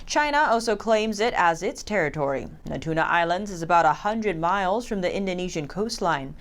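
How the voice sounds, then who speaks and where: A woman's voice: on the low side, animated, brisk. A woman anchoring a news show, reading scripted reports.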